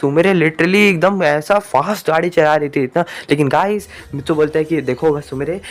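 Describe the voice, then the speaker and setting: A young man telling a homemade story in a loose, casual way. He stumbles, restarts and fills gaps with ums. He keeps speaking directly to his viewers. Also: a little high. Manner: hesitant, filler-heavy, talks to viewers as guys.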